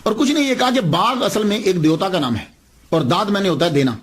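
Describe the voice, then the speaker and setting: Male preacher, religious storytelling, animated, rhetorical questions, slightly high voice. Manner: animated, acts out dialogue, asks rhetorical questions.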